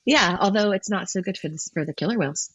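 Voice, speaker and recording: A woman's voice: mid-range voice, expressive, quick pace, fairly bright tone, breathy edge, highs cut off. A woman marine ecologist answering interview questions, thinking aloud with frequent ums and restarts.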